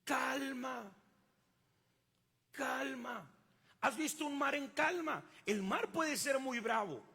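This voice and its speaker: With a very high, sharp, breathy voice and lively intonation, a pastor with a Mexican accent preaches slowly in a big-sounding room. He's emphatic and pulls the congregation in through call-and-response, asking them to fill in words.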